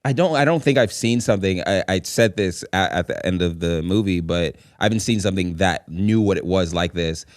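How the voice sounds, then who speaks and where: A man's voice: low voice, brisk, hardly any pauses, no echo, clean studio sound. A man co-hosting a podcast in casual chat, hesitant and searching for his words. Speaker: podcast co-host.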